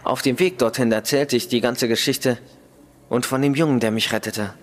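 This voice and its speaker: A man reading a first-person ghost story in a slow, measured, dramatic way. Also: medium pitch, steady tone. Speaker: story reader.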